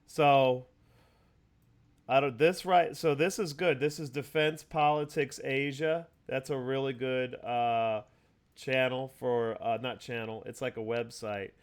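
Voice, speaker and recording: Smooth-voiced man rambling over a call. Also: mid-range voice, steady tone, measured pace. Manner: rambling, explanatory, many fillers and restarts. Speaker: host. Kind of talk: casual chat over a video call. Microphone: video call mic.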